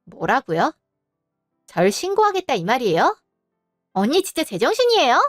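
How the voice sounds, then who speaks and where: A woman's voice: high-pitched, wildly swooping pitch, normal speed, dry recording, clean studio sound, faint music behind, full character voice. Woman playing a whiny, spoiled sister-in-law. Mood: defensive. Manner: whiny, sulky and defensive. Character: spoiled young adult sister-in-law, whiny and defensive thief.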